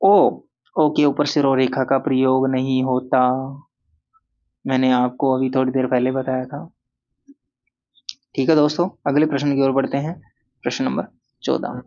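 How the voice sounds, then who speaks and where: A man's voice: medium pitch, level tone, moderate pace, long pauses, mellow, highs cut off. A male Hindi grammar teacher giving a lesson, who repeats key words and asks and answers his own questions. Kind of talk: classroom-style grammar lesson.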